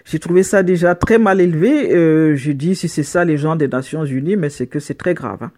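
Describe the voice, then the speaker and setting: Animated middle-aged woman telling a story. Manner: animated, voicing others' words in quick pitch jumps, many restarts. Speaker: storyteller recounting a personal experience. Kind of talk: casual spoken account.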